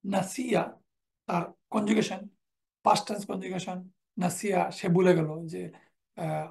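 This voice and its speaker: A man's voice: sits high, fairly even intonation, moderate pace, vocal fry, a little mellow. A man teaching Quranic Arabic in a recorded lecture, reciting verb forms one after another and quoting Quran verses in between.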